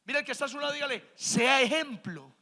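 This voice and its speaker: A pastor preaching with a very high, bright voice, pressing the congregation for amens. His emphatic sermon rings out with a long reverb through a church hall. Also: fairly even intonation, racing, gravelly. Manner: emphatic, calls the congregation to answer amen.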